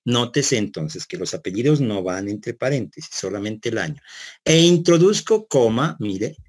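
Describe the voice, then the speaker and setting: A man's voice: mid-range voice, big pitch swings, normal speed, slightly rough. A man lecturing a class, explaining step by step, repeating words, often checking with "¿no?", and putting questions to his students. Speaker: university lecturer.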